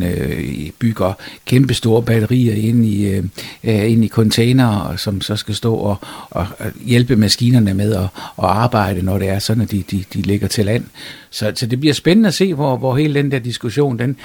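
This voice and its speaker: A man's voice: on the low side, gravelly, darkish tone, husky, dry recording. A male historian, answering interview questions hesitantly, with many fillers and restarts. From Denmark. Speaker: historian guest.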